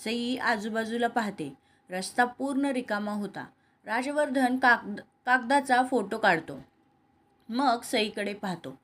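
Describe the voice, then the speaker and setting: A woman's voice: a little high, a little slow, fairly bright tone. A woman reading a romantic serial story aloud, voicing every character in her own voice. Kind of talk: scripted story narration with dialogue.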